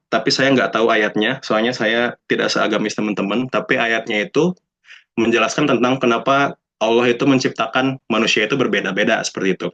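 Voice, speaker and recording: A man's voice: mid-range voice, a bit bright. A young man giving a chatty talk to students, mixing in English phrases and acting out quoted people. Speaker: alumnus speaker. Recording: dull lo-fi sound.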